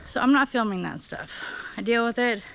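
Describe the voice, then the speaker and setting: A woman's voice: on the high side, animated, a little fast, gravelly, a bit bright, a little hiss or hum, low-quality recording. A woman from South Dakota giving a candid, rambling update on her vegetable garden outdoors. She is out of breath and uses many fillers. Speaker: gardening vlogger. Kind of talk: casual garden update chat.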